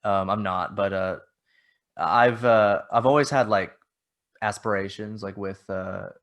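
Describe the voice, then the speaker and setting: Podcast host guy, lowish voice, kinda hesitant, lots of ums and restarts. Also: a little slow, a bit bright. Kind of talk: casual interview chat.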